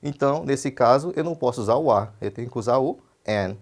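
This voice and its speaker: A Brazilian male English teacher giving a broadcast lesson. He explains quickly in Portuguese, says the English examples slowly and carefully, and often checks in with "certo?". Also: medium pitch, lively intonation. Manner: switches between quick explanation and slow, deliberate English examples; checks understanding with frequent "certo?".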